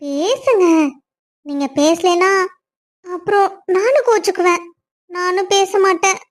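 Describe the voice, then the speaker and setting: A woman's voice: very high voice, lively intonation, moderate pace. A woman voicing a playful, teasing young wife in a cartoon story, coaxing and affectionate. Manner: teasing, sing-song, coaxing. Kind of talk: cartoon voice acting.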